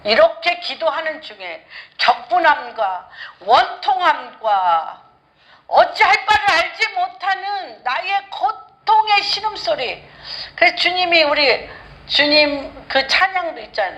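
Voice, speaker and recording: A woman's voice: high voice, very animated, a little slow, pushed and bright, low-quality recording. A woman pastor preaching a sermon with passion, acting out pleading prayers aloud. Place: church sanctuary.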